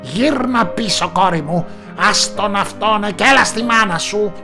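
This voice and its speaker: A man doing a shrill old witch calling out. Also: music in the background, close to an everyday voice. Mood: frantic calling. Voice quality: shrill, strained falsetto calls. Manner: drawn-out, sing-song calling. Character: shrill old witch mother, wheedling and furious.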